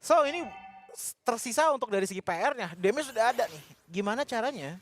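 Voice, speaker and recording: A man's voice: very high-pitched, animated, brisk, a bit bright, faint music behind. An Indonesian man giving live esports play-by-play and analysis in wordy, flowing explanations. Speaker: esports match commentator.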